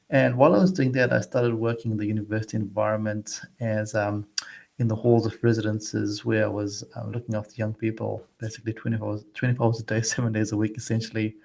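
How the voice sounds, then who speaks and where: A man in his forties from Zimbabwe, a guest advisor on student transitions, talking casually in an interview over a video call, chatty and restarting his words with quick little laughs. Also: lowish voice, vocal fry.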